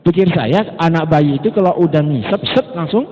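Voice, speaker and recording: East Javanese preacher, tinny echoey hall recording. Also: male voice, a little high, moderate pace. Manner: lively storytelling, acting out quoted people. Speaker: Islamic teacher. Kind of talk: religious study lecture. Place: lecture gathering indoors.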